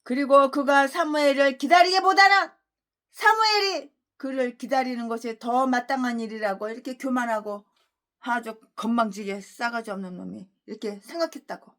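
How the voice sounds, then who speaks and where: A woman pastor delivers a fiery expository sermon in a high, piercing voice. She scolds relentlessly, hammering the same phrases again and again. She jumps from loud rhetorical questions to low, grumbling insults. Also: normal speed. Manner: repeats phrases for emphasis.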